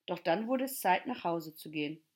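A woman's voice: fairly low pitch, lively intonation, moderate pace, darkish tone. Woman reading a children's story. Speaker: storyteller and teacher.

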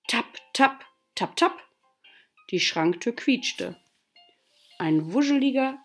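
A woman teacher reading a children's story aloud to her class, slow and expressive. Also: mid-range voice.

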